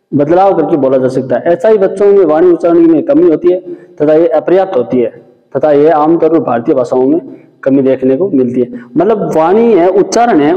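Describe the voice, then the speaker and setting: A man's voice: on the high side, mellow. A man teaching a class, explaining step by step and often repeating points and checking in with "okay". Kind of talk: classroom lecture. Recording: echoey hall, dull lo-fi sound.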